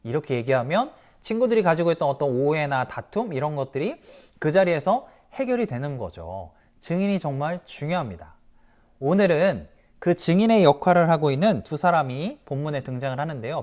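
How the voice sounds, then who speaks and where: A man giving a children's sermon as pastor, telling the story in a lively way, asking the kids questions and acting out the quoted voices. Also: on the high side, brisk, faint music behind.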